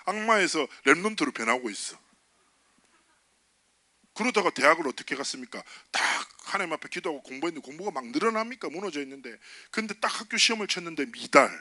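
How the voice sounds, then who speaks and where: A man preaching a lively sermon to a church youth group, telling stories and acting out the dialogue in character voices. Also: a little high, fast talker, dry recording. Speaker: youth pastor. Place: church sanctuary.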